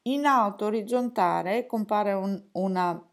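A woman's voice: medium pitch, measured pace. A woman explaining phone settings step by step in a tutorial, with fillers and self-corrections. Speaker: teacher demonstrating a phone.

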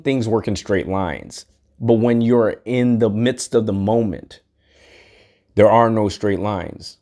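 Male podcast host, slightly low voice, earnest and loose, rambles and cusses. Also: a little mellow. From United States. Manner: earnest, rambling, swears casually. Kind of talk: casual solo monologue.

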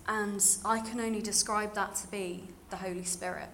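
A young woman originally from London gives an earnest personal testimony at church, speaking plainly in a modern, slightly RP British accent. Her medium-pitched voice is fairly bright, her tone steady and her pace moderate. Background noise and the sound of the room are clearly heard.

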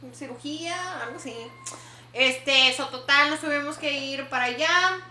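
Brief: female podcast host, high bright voice, animated code-switching storyteller, echoey room. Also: moderate pace. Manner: animated, dramatic storyteller switching between Spanish and English. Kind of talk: casual storytelling chat. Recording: echoey room with faint ambience.

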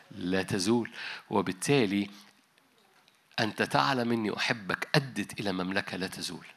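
Egyptian pastor, low gravelly voice, conversational preaching with English words mixed in. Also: male voice, fairly bright tone. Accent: Egyptian Arabic. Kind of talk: sermon. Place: large conference hall.

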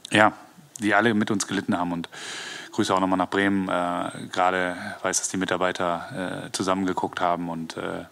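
A man giving a spontaneous interview answer for a football club, halting and repeating words. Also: low voice, little pitch movement, creaky, a bit bright.

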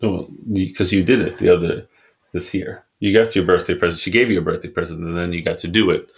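Deep gravelly dad hosting a podcast. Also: male voice, steady tone, fast. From Mexican background. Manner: gentle, prompting questions, many restarts. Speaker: podcast co-host, father. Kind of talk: casual family podcast chat.

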